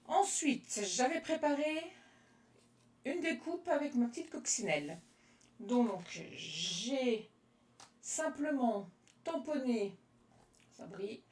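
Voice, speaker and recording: A fairly high-voiced woman from France walks through a card-making project live and answers viewers by name as she works. She sounds relaxed and chatty. Her voice carries a roomy echo and sits a little away from the mic. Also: far from the mic. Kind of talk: casual crafting demonstration, chatting with viewers.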